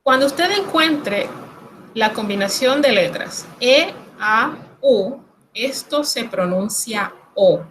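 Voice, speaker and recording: In a recorded lesson, a woman with a Latin American Spanish accent teaches French pronunciation in Spanish, patiently and reassuringly walking through each sound. Her voice is fairly high, expressive, slow and a bit bright. The recording is low quality, with a little hiss or hum.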